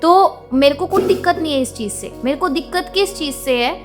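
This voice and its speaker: Young woman vlogger, higher voice, outspoken and indignant rant, faint music underneath. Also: expressive, fairly quick. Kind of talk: venting monologue to camera.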